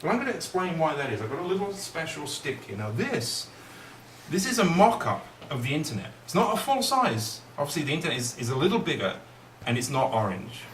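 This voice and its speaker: Brisk and a bit bright, a higher-pitched man's voice swings broadly as he performs magic for kids at a party. The middle-aged entertainer's playful patter prompts the young audience with questions, recorded on a distant mic in a roomy room with faint noise.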